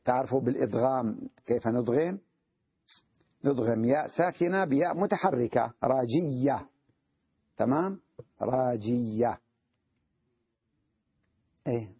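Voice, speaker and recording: A man gives a patient grammar lesson. He repeats key phrases and keeps asking whether his listeners follow. His voice is husky, and the recording is dry and muffled, lacking crispness. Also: mid-range voice, dry recording. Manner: repeats key phrases slowly, checks understanding with questions. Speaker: Arabic grammar teacher.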